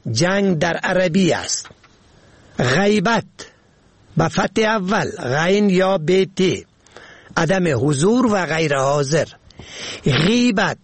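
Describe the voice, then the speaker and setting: A man reading a pronunciation lesson on radio, slow and deliberate, spelling words out letter by letter. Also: high voice, breathy edge, no echo.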